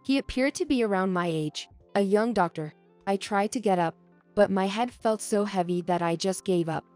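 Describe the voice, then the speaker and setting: A young adult woman reading a first-person story aloud as narrator, in a soft, earnest storytelling manner. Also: mid-range voice, normal speed, soft background music.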